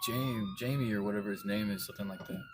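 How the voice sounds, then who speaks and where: A man's voice: on the low side, huge pitch swings, racing. A man casually and loosely retelling a story idea he is working on, filling his talk with "you know what I mean". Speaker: writer pitching a story idea. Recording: loud vehicle noise behind the voice.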